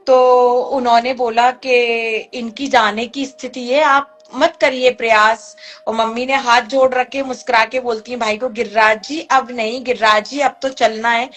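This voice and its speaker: High-voiced woman telling a family story. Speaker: guest recounting a family story. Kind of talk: emotional personal storytelling.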